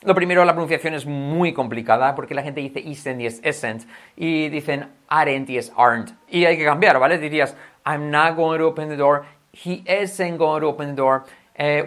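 A man from Spain with a Spanish accent, teaching English in a chatty, lively video lesson, repeating examples slowly and clearly. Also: fairly high pitch. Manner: switches between Spanish and English, repeats examples with drawn-out pronunciation.

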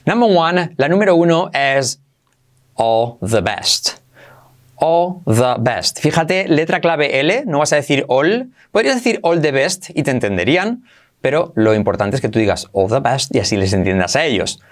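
A man from Spain with a Spanish accent, teaching English phrases in an energetic lesson and coaxing the listener to repeat after him. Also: a little high. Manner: drills phrases slowly, coaxing "come on, repite conmigo".

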